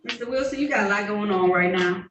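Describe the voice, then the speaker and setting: A woman's voice: mid-range voice, fast talker, fairly bright tone, a little hiss or hum. A woman presiding as a judge, firm but kindly, heard on a courtroom recording. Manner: firm but kindly, repeatedly addressing the defendant by name. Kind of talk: presiding over a court hearing. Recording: echoey courtroom recording from a distance.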